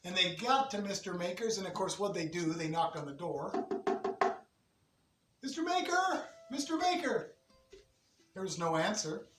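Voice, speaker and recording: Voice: mid-range voice, fairly quick, hardly any pauses. A storyteller improvising a children's tale in a chatty, folksy way with sing-song asides. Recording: echoey room, distant mic, ukulele music.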